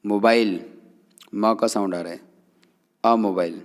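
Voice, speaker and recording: A man's voice: on the low side, fairly even intonation, slow, long reverb tail. A man teaching English grammar to Hindi speakers, explaining step by step and often checking understanding.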